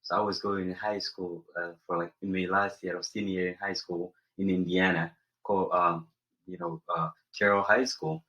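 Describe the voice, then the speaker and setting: A young man from Somaliland, a college senior, answering interview questions earnestly and often pausing to search for words. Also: sits low, flat delivery, bright, forceful tone, low-quality recording. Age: young adult.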